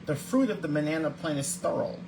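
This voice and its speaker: A man's voice: on the high side, animated, fast talker, creaky, noisy background. A man in his forties hosting his own daily video show, earnest and religious in his greetings, often repeating and restarting words as he reads. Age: 40s. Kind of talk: casual scripted vlog, reading segments aloud.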